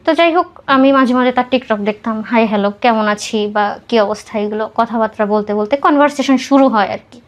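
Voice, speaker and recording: Brisk and with few pauses, a young woman with a fairly high voice and a Bangladeshi accent talks through her own life story. She's a guest on a podcast interview, speaking conversationally and slipping in English words.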